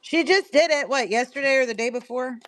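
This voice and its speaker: A middle-aged woman with a Missouri accent chats in a rambling, easygoing way as she runs a live selling stream. Her voice sits a little high and reaches the ear dry and close, with no room sound. She reads viewer comments aloud between bits of her story. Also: fairly quick, no room sound. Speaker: livestream seller.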